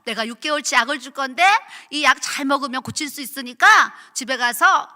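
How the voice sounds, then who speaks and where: A woman voicing a kindly clinic doctor who gently consoles a young patient, in an echoey church hall. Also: high-pitched, fairly quick. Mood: pitying. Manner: gentle, pitying, soothing.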